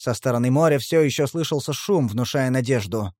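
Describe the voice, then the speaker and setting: A man's voice: mid-range voice, fairly quick, a little mellow, no room sound, clean studio sound. A man giving a tense, driven first-person audiobook narration.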